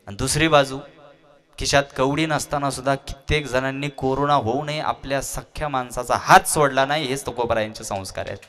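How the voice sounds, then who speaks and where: A man's voice: medium pitch, brisk, fairly bright tone. A man preaching a devotional kirtan sermon, telling stories and firing off rhetorical questions with sing-song chanting.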